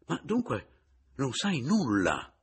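A man reading an audiobook, voicing an emotional, excitable middle-aged friend who exclaims in high, cracking bursts. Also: slow, breathy edge, heavily acted. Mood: alarmed. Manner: exclaiming, breathless, voice cracking upward.

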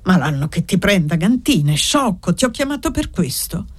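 A woman's voice: lowish voice, lively intonation, unhurried, dry recording. A woman reading aloud and voicing a young servant woman who speaks sharply and impatiently. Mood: irritated. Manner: sharp, irritated.

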